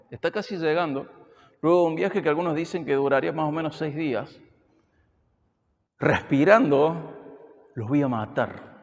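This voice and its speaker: A man's voice: on the high side, big-room sound. A man with an Argentine accent preaching an expository sermon in a conversational way, often putting questions to the congregation. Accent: Argentine Spanish. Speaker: pastor. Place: church hall.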